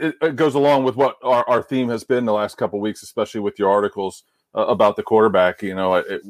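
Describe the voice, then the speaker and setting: A man co-hosting a casual sports podcast, speaking haltingly and often repeating words as he starts sentences. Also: lowish voice, no room sound. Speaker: podcast co-host.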